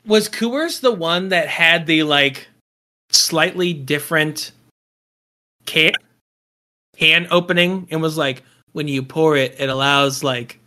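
High, very bright young man. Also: slow pace. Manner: laid-back, agreeable, says "dude". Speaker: podcast co-host. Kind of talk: casual chat.

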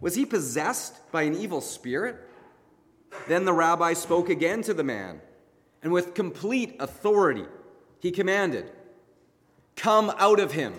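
A male pastor retelling a story in his sermon in a dramatic way, pausing for emphasis, in a large church sanctuary. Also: fairly high pitch, big-room sound.

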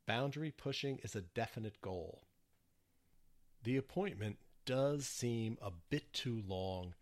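A man reading his prepared theater reviews in a measured scripted narration. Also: on the low side.

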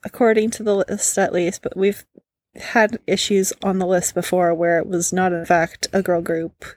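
A woman's voice: on the low side, little pitch movement, moderate pace, darkish tone, no echo. A tired woman co-hosting a podcast in casual chat, rambling and self-deprecating, laughing often. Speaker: podcast co-host.

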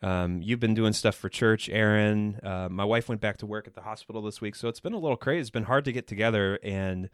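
A man's voice: on the low side, a little fast, few pauses, clean tone, no echo, clean studio sound. A man in his thirties hosting a podcast in casual chat, rambling with lots of fillers and restarts. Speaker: podcast host.

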